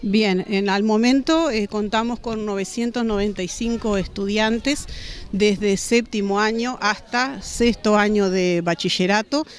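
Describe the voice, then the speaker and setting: A woman in her forties with a Uruguayan accent, a school principal answering a news interview outdoors, speaking in a measured way with many "este" fillers. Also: mid-range voice. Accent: Uruguayan Spanish. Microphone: handheld reporter mics held to her face.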